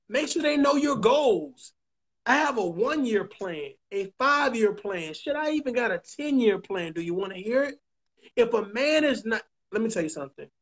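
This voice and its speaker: Emphatic preachy man hosting a talk show. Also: high voice. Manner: emphatic, preachy, swears, repeats points slowly. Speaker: podcast host.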